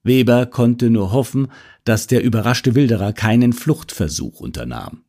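A man narrating a story in a scripted audiobook reading, with expressive storytelling delivery. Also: mid-range voice, normal speed. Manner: expressive storytelling, varied intonation.

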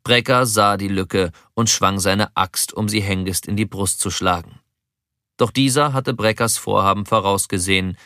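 A man narrating a story aloud in a calm, measured audiobook reading. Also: fairly low pitch, no room sound, studio quality.

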